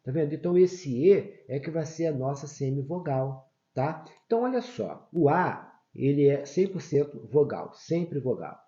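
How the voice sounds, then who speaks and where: A man's voice: on the high side, animated, moderate pace, few pauses, mellow, lo-fi sound. A man teaching a grammar lesson, explaining patiently and checking in often with his students.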